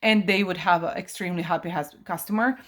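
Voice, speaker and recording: A woman's voice: on the low side, steady tone, fast talker. Chatty woman vlogger telling a story. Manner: chatty, addresses viewers directly, many restarts and fillers; exasperated retelling of a shop dispute. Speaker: life coach. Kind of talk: casual vlog storytelling.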